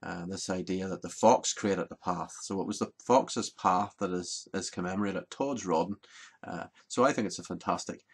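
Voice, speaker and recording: A man in his fifties speaks with a Northern Irish accent from County Antrim, in a fairly low voice. He presents informally, like an explainer at his desk, and often hesitates mid-sentence as he goes. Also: normal speed, slightly rough. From Ballycarry, County Antrim, Northern Ireland. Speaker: presenter explaining local language and place names. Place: small book-lined study, indoors.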